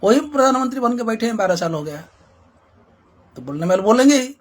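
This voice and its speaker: A man's voice: very high voice, sing-song, a little fast, husky. A man giving an impassioned commentary as a social reformer, emphatic and repetitive, with many rhetorical questions.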